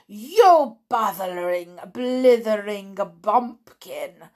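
The shrieking Grand High Witch. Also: lively intonation, very slow, darkish tone. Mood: enraged. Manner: shrieking, screeching, foreign-sounding broken English. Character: tiny furious female Grand High Witch.

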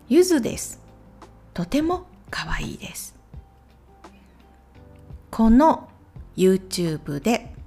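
A woman speaking slowly and clearly in simple phrases, recommending channels with gentle asides. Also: medium pitch. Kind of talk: slow, clear talk for Japanese learners.

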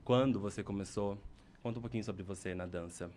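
A man's voice: fairly low pitch, fairly quick, a little mellow. A man with a Brazilian accent hosting a podcast, talking in a playful, campy, teasing way. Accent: Brazilian Portuguese. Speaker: podcast host. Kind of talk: casual podcast chat.

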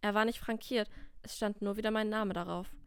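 Woman reading a story out loud, smooth clear voice, dry close mic. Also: mid-range voice, fairly quick, no room sound. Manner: steady first-person reading. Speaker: podcast host and author reading her story. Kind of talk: scripted storybook narration.

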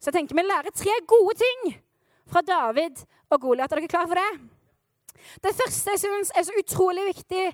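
A woman preaching to a youth meeting, retelling a Bible story in a playful, animated way, questioning her audience and acting out the characters. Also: very high voice, dry recording.

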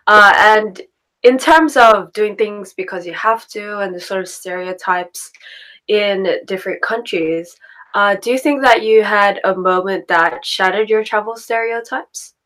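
Australian woman, podcast host, casual chat, laughs often, mid pitch. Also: measured pace, a bit bright, rough recording. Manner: chatty, laughs often, repeats words for emphasis.

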